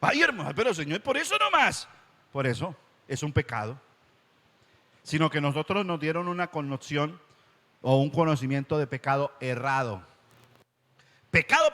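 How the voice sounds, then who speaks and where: A man's voice: very animated, normal speed, long pauses, sharp tone. A man preaching a sermon as pastor, repeating words for emphasis. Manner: acts out church members' objections in a higher whiny voice. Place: church hall. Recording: church hall reverb.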